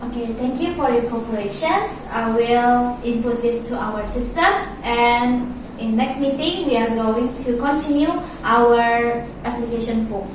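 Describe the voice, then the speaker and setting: A woman playing a polite, helpful bank customer relations officer in an amateur role-play, speaking formally and a little haltingly. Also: a little high, close to an everyday voice. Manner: courteous, halting, formal service talk. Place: echoey indoor room, far mic. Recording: echoey room, distant mic, noisy.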